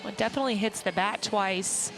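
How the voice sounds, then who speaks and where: A woman giving explanatory color commentary on a live softball game. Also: mid-range voice, fairly quick, over music. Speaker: color analyst. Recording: noisy stadium crowd behind commentary. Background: crowd and outdoor ballpark noise.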